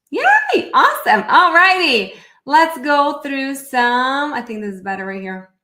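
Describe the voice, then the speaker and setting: A woman's voice: on the high side, a bit bright, reverberant. A woman raised in Brazil, hosting a live online session as a therapist, chatty and upbeat while she sets up her screen. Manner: chatty and upbeat, thinking aloud while fixing screen sharing. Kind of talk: casual live-stream presentation.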